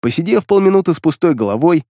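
Expressive male audiobook narrator. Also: on the high side, fast talker, studio quality. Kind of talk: first-person fantasy narration. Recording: long reverb.

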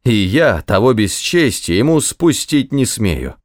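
A man voicing a proud, loyal old servant who pleads in a slow, trembling voice. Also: mid-range voice, sing-song, no room sound, studio quality. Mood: pleading. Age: older.

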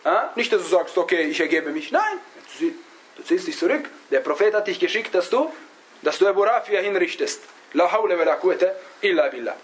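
High-voiced man teaching, halting delivery. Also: lively intonation, rough recording. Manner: halting, searches for words, often adds a questioning "ja?". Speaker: religious teacher. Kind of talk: religious lesson, storytelling to a class.

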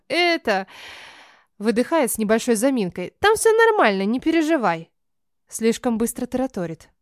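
A woman narrating a first-person novel as an audiobook, expressive and acting out the dialogue. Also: mid-range voice, dry recording, studio quality.

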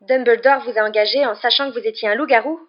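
A woman's voice: a little high, fairly even intonation, fast talker, lo-fi sound, pitched above the performer's own voice, natural voice. A woman voicing an injured teenage boy wizard who stammers in shock. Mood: stunned. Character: teen boy wizard, hurt and stunned.

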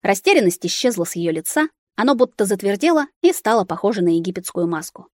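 A woman narrating an audiobook in a steady, expressive reading. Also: mid-range voice, fast talker, dry recording, clean studio sound.

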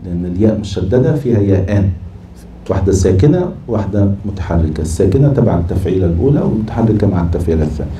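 Deep dark-voiced man scanning verse. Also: animated, rapid-fire. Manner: scans verses aloud syllable by syllable, drawn out. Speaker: sheikh teaching Arabic prosody. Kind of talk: classroom lesson, chanting verse meters. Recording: echoey room, from far off, faint noise.

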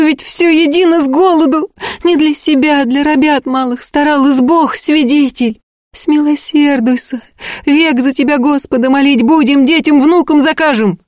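Woman doing begging peasant women, high wailing voice, frantic, dry audiobook sound. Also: a little mellow, no echo, natural voice. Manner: wailing, pleading.

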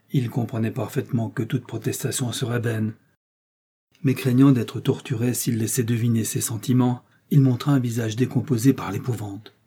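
A man reading an adventure novel aloud as narrator, in a measured, dramatic storytelling manner. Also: medium pitch, dark tone, breathy edge. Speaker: audiobook reader. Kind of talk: scripted narration.

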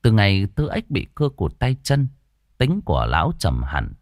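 A man's voice: on the low side, huge pitch swings, normal speed, no echo, clean studio sound. A man narrating a ghost story with an emotive, dramatic delivery.

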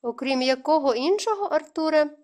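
A woman's voice: high-pitched, animated, brisk, darkish tone, pitched above the performer's own voice. A woman voicing a self-assured young woman in an audiobook, with a dry, ironic way of speaking. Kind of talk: audiobook narration.

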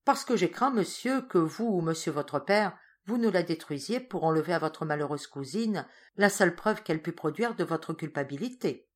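A woman's voice: lowish voice, animated, moderate pace, few pauses. A woman reading an audiobook voices a formal male notary who is polite but insistent. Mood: firm.

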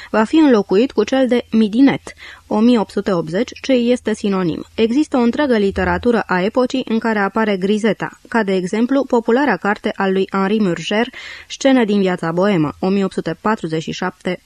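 A woman narrating an audiobook, reading dictionary entries in a measured, dry manner and dropping her voice at the end of each note. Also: medium pitch, a little mellow, no echo.

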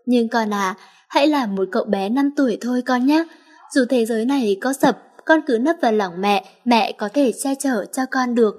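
Woman doing a gentle protective mother, soft soothing voice, higher pitch, audiobook. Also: normal speed, lightly acted. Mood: tender. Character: tender, protective young mother.

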